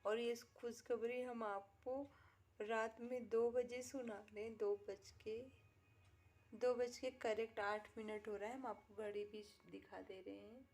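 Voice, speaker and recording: Woman, fairly high voice, casual home vlog, doting baby talk, at home at night. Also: steady tone, measured pace, a little mellow. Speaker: vlogger.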